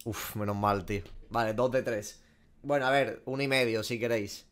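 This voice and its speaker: With music playing in the background, a twentysomething gaming streamer from Spain, speaking with a Spanish accent, casually reacts aloud to a quiz, dropping slang and swear words. His voice is fairly low and fairly even, at a normal speed, and he's indoors at a desk in a small room.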